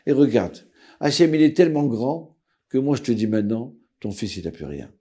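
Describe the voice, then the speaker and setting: A man voicing a calm, gentle older rabbi who talks in a soft, reassuring way. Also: mid-range voice, moderate pace, breathy edge, pitched below the performer's own voice. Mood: soothing.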